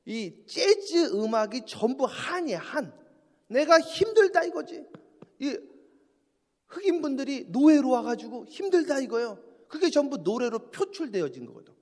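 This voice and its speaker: A male pastor preaching in a church sanctuary, with a strikingly high voice that leaps up and down as he tells stories and jokes. His voice rings out with a long reverb through the hall. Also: sing-song, moderate pace, a little mellow. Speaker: senior pastor. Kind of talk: early morning sermon.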